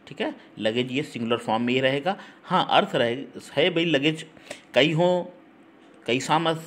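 A man teaching English grammar for exams, explaining in Hindi with frequent check-ins, spelling words aloud and reading English sentences slowly. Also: mid-range voice, a bit bright. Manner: repetitive, checks in with listeners (ठीक? हम्म?). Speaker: English teacher for exam prep.

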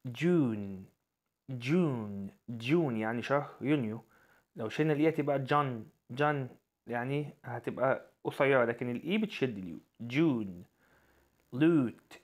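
A man with an Egyptian Arabic accent teaching English pronunciation in an online lesson, repeating example words slowly and lifting his voice on key sounds. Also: medium pitch.

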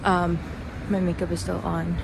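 This young adult vlogger rambles haltingly in a casual chat, recording on a handheld phone at arm's length as she walks a city street at night. Her voice is fairly low and creaky with little pitch movement, set against noisy passing traffic and street ambience.

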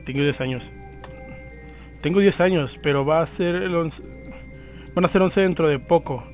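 Man reading lost ten-year-old girl, fairly high voice, faint music behind. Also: normal speed, darkish tone, natural voice. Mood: earnest. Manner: reads lines from the screen with slips.

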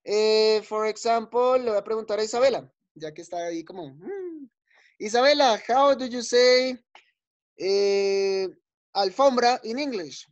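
A male schoolteacher runs a class for young kids over a video call. He speaks patiently and encouragingly, saying words over and over and pausing to check that everyone follows. The sound is dull and lo-fi, as from a laptop microphone. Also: high voice. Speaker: teacher. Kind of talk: online class for young children.

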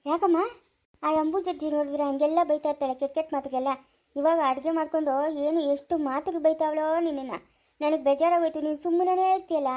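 A woman voicing an outspoken young wife who scolds in a high voice. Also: fairly even intonation, fast talker, darkish tone, close to an everyday voice. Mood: indignant.

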